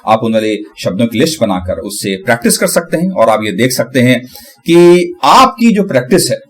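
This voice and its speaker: A man giving a casual tutorial on pronunciation, breaking hard words into syllables and repeating them slowly. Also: medium pitch, very animated, fairly bright tone, breathy edge. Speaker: channel host.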